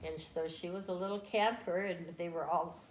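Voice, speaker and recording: A woman's voice: fairly low pitch, fairly even intonation, moderate pace, a little hiss or hum. An older woman chatting fondly as she tells family stories, often laughing at her own tales. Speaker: interviewee. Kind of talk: casual family storytelling. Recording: echoey room with faint ambience.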